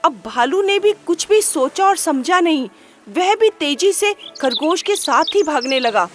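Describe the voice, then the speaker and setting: A woman narrating a children's moral story in a lively, expressive way, asking the listener rhetorical questions. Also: extremely high pitch, unhurried, faint music behind.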